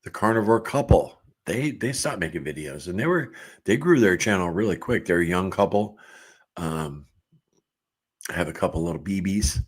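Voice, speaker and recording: A middle-aged man hosting a casual livestream, reading viewer comments aloud and chatting in a relaxed way with frequent laughs. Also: low-pitched, moderate pace, slightly rough.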